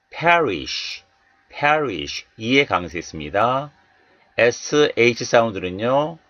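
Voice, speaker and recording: A man teaching English Bible verses and pronunciation, saying each word slowly and more than once before explaining it. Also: lowish voice, a bit bright, dry recording. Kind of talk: slow, deliberate pronunciation lesson.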